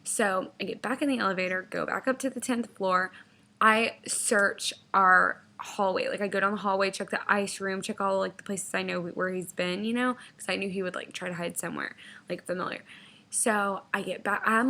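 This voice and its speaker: A woman's voice: mid-range voice, pushed and bright. A young woman with a twang spins a wild story straight to her viewers. Her talk is loose and unscripted, packed with "like" and the odd curse word. She sounds like she's chatting with friends over coffee. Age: 20s. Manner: chatty, lots of "like" fillers, swears freely. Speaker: vlogger. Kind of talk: casual storytelling to camera.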